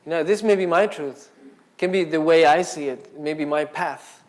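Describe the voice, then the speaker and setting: Man telling a buddhist story to a room, kinda high voice, super casual, lots of fillers. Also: moderate pace. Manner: casual and conversational, filler-heavy, acts out quotes. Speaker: speaker at a Buddhist centre. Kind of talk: storytelling dharma talk. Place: indoor Buddhist centre talk.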